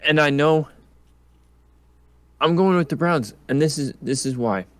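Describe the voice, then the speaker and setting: A man's voice: fairly high pitch, a little slow, no echo. A man hosting a casual sports predictions chat in an easygoing, laid-back way. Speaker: podcast host.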